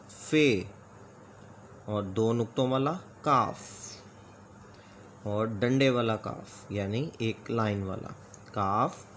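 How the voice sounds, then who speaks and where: In a slow alphabet lesson, a man with a fairly low-pitched voice courteously pronounces each letter of a script for his student to echo back. He keeps patient, often saying "ji janab," and there's a slight hiss or hum on the recording.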